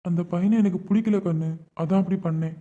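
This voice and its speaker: A woman's voice: fairly low pitch, steady tone, fairly quick, natural voice. A woman voicing a controlling but remorseful father in a cartoon series. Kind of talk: cartoon web series voice acting. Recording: tinny phone-like recording.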